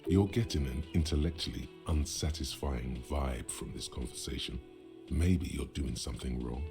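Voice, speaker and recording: A man narrating a video game in a dry, wry, measured way. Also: rumbling low, vocal fry, music in the background.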